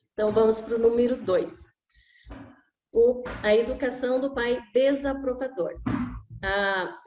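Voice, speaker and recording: A woman's voice: fairly high pitch, a little mellow. Woman, echoey room. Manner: conversational, with frequent "né?" tags and acted examples. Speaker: emotional education coach. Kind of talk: informal talk to camera.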